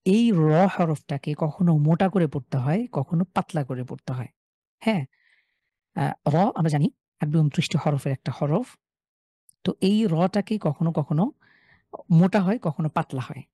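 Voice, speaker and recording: A man's voice: a little high, warm tone, no echo, studio quality. Patient Bangladeshi man teaching recitation. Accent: Bangladeshi Bengali. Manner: patient, repeats and drills words slowly, asks the class "ঠিক আছে?". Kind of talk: live online tajweed class.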